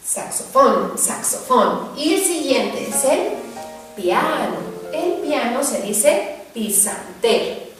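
A woman with a high voice teaches a children's language class. She speaks slowly and says each new word twice. Her voice rings through a very echoey room from a little way off the mic. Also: very animated, over music. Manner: slow, clear repetition of each word. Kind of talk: children's lesson with songs. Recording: echoey room, heard from a distance.

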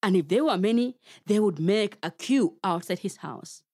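A woman's voice: mid-range voice, lively intonation, moderate pace, a little mellow, dry recording, studio quality. A Kenyan woman telling a story to children, playful and talking straight to her young listeners. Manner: playful, addresses children directly.

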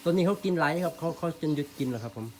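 A man's voice: on the high side, rapid-fire, slight background noise. A man with a Northeastern Thai Isan accent, talking casually and politely in his farm vlog at a cattle pen outdoors. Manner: relaxed, polite, ends phrases with "khrap phom". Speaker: farmer vlogger.

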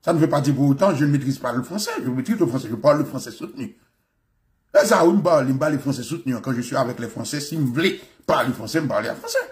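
Guy doing a stuck-up politician, voice dropped low and heavy, all haughty and defensive. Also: very fast, lightly acted. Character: pompous male politician boasting of refined French.

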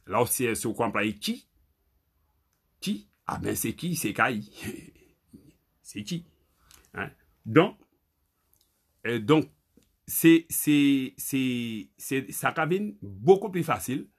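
A man teaching a Creole spelling lesson, halting and repeating himself as he spells letters aloud. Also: medium pitch, slightly rough.

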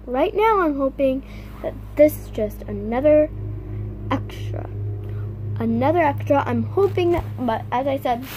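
A woman vlogging an unboxing, talking straight to her viewers in a halting, complaining way. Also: high-pitched, lively intonation, darkish tone, slight background noise. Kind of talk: casual unboxing chat to viewers.

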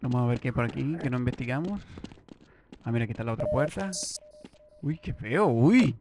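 A young man giving let's play commentary, talking to himself and swinging from muttering to excited shouting. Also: medium pitch, fairly quick, background noise. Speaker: gameplay streamer. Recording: loud game gunfire behind voice.

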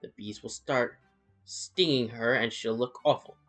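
A man's voice: mid-range voice, measured pace, a bit bright, faint music behind. A man putting on a posh scheming British schoolboy. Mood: smug scheming. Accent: put-on British. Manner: prim, clipped, mock-genteel phrasing.

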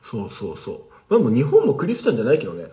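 A man's voice: medium pitch, huge pitch swings, rapid-fire, warm tone. A man teaching casually on a livestream, chatting with viewers and replying to their comments. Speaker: language teacher streaming live.

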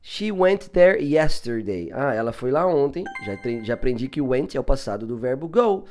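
Lively Brazilian man teaching English. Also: mid-range voice, brisk, faint music behind. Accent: Brazilian Portuguese. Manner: animated, upbeat, chatty teacher. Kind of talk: online English lesson, demonstrating an app.

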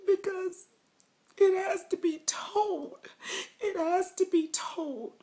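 A woman playing a sobbing, overwhelmed woman in a mock confession to camera, with snotty crying, halting whimpers and a voice breaking into whispers. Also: extremely high pitch, mellow. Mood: tearful, determined. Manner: halting, whimpering, broken phrases. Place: small room indoors. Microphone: phone or webcam at arm's length.

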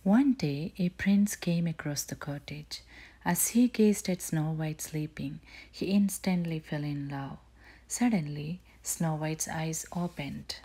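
Slow, low-voiced woman reading a bedtime story. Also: husky. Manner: soft, often whispered narration.

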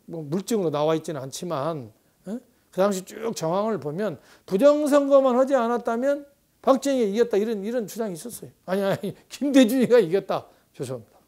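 A man's voice: high voice, warm tone. A man in his sixties, a professor, giving a rambling conversational lecture on politics with frequent rhetorical asides.

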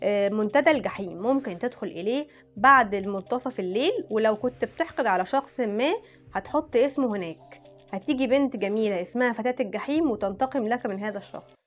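A woman with an Egyptian Arabic accent chats frankly with her viewers at a very fast clip, her voice sitting a little high. She often breaks off mid-word and starts again. Faint music plays behind her. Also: expressive. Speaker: anime vlogger. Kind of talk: casual chat reading out recommendations.

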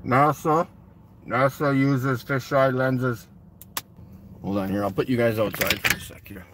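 A middle-aged Canadian man vlogs casually from inside a parked or slowly moving car, making short, blunt statements and shouting slogans at passers-by. His medium-pitched voice is fairly even and measured, with vehicle noise around him.

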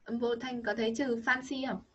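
A woman's voice: a little high, flat delivery, normal speed, a bit bright, lo-fi sound. A woman with a Vietnamese accent teaching English pronunciation to a child, patient and coaching, modelling sounds over and over. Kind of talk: online pronunciation lesson for a child.

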